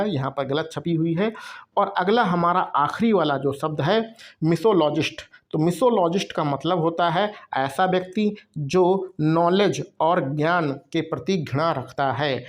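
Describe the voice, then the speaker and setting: Fairly high-voiced man teaching step by step. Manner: explains step by step, spells words out letter by letter; frequent "theek hai" check-ins, addresses viewers as bhaiya. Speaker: exam prep teacher. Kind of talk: recorded video lecture.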